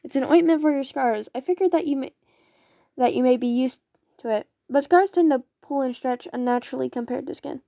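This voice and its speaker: A woman's voice: high voice, a little fast, creaky, mellow, dry recording, studio quality. A woman reading a chirpy young apprentice girl. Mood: gentle. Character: cheerful young female apprentice, the listener.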